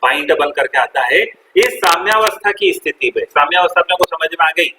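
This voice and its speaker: A man's voice: on the high side, expressive, a little fast, bright, forceful tone, reverberant, a little hiss or hum, poor audio. A male chemistry teacher, lecturing a classroom and quizzing the students, repeating their answers and calling them "beta". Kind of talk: classroom lecture with call-and-response.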